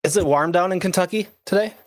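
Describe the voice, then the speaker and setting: A man's voice: high voice, fast talker. A man in his forties co-hosting a podcast, chatting casually in a rambling, self-mocking way. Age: 40s. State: sore foot. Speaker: podcast co-host. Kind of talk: casual chat.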